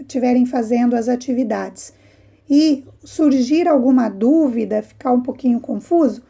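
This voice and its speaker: A woman's voice: sits high, dark tone. A woman, a primary school teacher giving a remote lesson to young children, explaining patiently with rising prompts.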